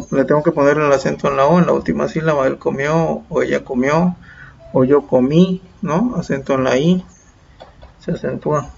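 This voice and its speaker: A man's voice: a little high, vocal fry. A Mexican man teaching a primary-school video lesson, explaining patiently and repeating himself, with many fillers. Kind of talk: video tutorial for students. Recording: dull lo-fi with faint background noise.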